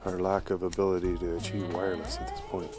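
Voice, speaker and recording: A man's voice: low-pitched, fast talker, over music. Winded man narrating a woodland walk. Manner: relaxed, observant, easygoing guide. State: out of breath. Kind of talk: casual walking narration. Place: outdoors in snowy woods.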